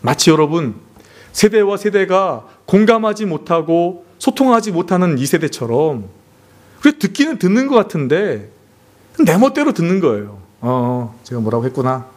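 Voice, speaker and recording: In a church sanctuary, an earnest pastor preaches with a very animated, darkish voice at a moderate pace. He makes his points by acting out family scenes, letting his pitch swing widely.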